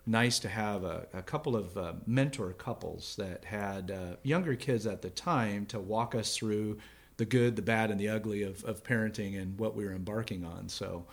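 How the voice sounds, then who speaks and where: A man's voice: fairly low pitch, normal speed, creaky. Easygoing middle-aged male host. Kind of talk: casual chat.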